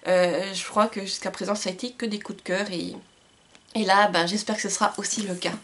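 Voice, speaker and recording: A woman's voice: medium pitch, fairly even intonation, fairly quick, fairly bright tone. A woman chatting casually on her book vlog, enthusiastic and full of little hesitations. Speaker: book vlogger. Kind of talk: casual book haul chat.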